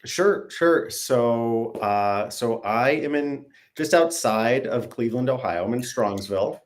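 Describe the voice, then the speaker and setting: A middle-aged man from the Detroit area of Michigan, slightly hoarse, chatting as a guest on a video call in a friendly way. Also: mid-range voice, lively intonation, slow. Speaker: guest, medical doctor. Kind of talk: casual interview chat.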